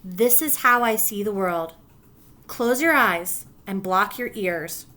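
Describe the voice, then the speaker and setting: A woman teacher's bright, clear, animated voice at medium pitch carries through a picture book she reads to her class. She frequently stops to explain the story, warmly encouraging the children and checking that they keep up.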